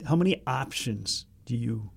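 A man's voice: mid-range voice, animated, unhurried, vocal fry, husky. An American man chatting casually as co-host of a shopping deals show. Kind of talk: casual co-hosted chat.

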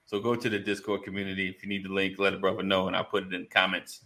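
Gravelly low-voiced man, morning radio DJ banter. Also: flat delivery, very fast, sharp tone. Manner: jokey morning radio DJ patter, greeting listeners by name; informal, colloquial phrasing. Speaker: host of a live online men's community show. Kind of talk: casual, bantering live-stream hosting.

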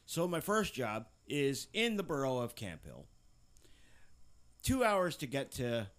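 Animated man swapping a story. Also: mid-range voice, takes it slowly. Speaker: podcast host. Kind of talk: casual storytelling.

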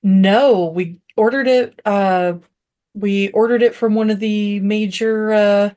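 A young woman co-hosting a casual movie-review podcast, playful and quick, often laughing. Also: mid-range voice, fairly even intonation, dark tone. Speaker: podcast co-host.

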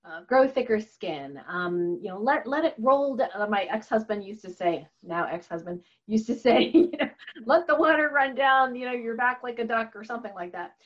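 A woman whose first language is Chinese, a holistic doctor and author, answers interview questions conversationally as a guest. Her fairly high voice is expressive and moves at a moderate pace, earnest and chatty, with frequent laughs and fillers. The audio is lo-fi and slightly dull.

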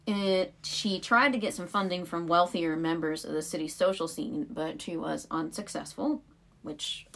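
A woman's voice: fairly low pitch, animated, normal speed, vocal fry, a bit bright. A young woman co-hosting a podcast, telling a story in casual chat with lots of "like" fillers. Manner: chatty storyteller, frequent "like" fillers. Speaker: podcast co-host.

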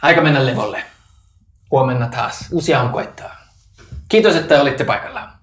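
Casual male game master, echoey room. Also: medium pitch. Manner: casual, filler-heavy narration. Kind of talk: narrating a tabletop game. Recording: echoey room with background noise.

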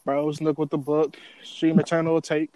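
A man's voice: a little high, little pitch movement, normal speed, warm tone, no room sound, low-quality recording. A young American man co-hosting a casual podcast in slangy bro talk, often acting out conversations. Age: young adult. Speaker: podcast co-host.

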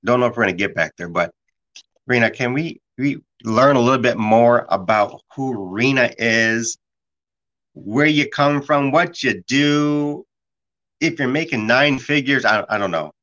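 A man hosting a casual conversation, telling stories in a rambling, lively way full of restarts. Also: medium pitch, unhurried. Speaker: podcast host. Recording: dull lo-fi sound.

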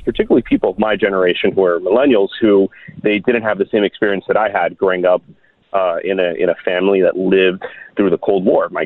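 A man in his thirties speaks in a deep, low voice over a thin, tinny phone line. He talks earnestly and haltingly, restarting his sentences and filling gaps with "uh". The line sounds dry, with no room around it. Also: no room sound. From Miami, United States. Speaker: guest writer. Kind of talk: radio interview over the phone.

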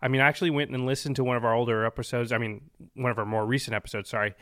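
A male podcast co-host talking in a casual, explanatory style. His pitch is average for a man and the sound is dry, free of room echo. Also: fairly even intonation, racing, a bit bright.

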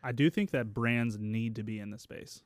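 A man co-hosting a casual podcast chat, making his points in a measured, thoughtful way. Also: medium pitch, dry recording, studio quality. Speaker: podcast co-host.

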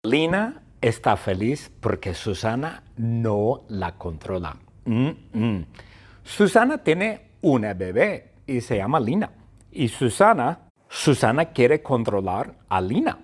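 Man, teacher, animated storytelling with sound effects, slow and swooping. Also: mid-range voice, husky. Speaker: Spanish teacher. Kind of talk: storytelling lesson for students. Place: classroom.

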